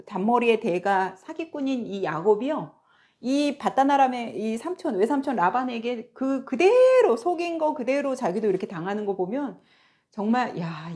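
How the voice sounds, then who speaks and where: A woman teacher retelling a Bible story in a lively way, often turning to her listeners with questions. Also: a little high. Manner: lively storytelling, asks the audience rhetorical questions.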